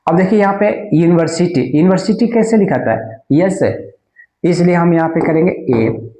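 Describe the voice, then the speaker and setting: A Bihari-accented male teacher explains grammar in a patient, step-by-step way, repeating key words and putting questions to the class. His voice sits a little high but sounds mellow and warm. The room around him is bare and echoey. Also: moderate pace. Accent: Bihari Hindi. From India. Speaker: English teacher.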